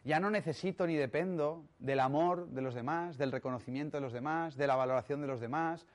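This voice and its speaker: Orador de España, tono enfático, pregunta ¿no? a menudo, voz de hombre un poco alta. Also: male voice, a little high, a little fast. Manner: emphatic, rhetorical, often asks ¿no?. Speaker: speaker on personal growth. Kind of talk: motivational talk.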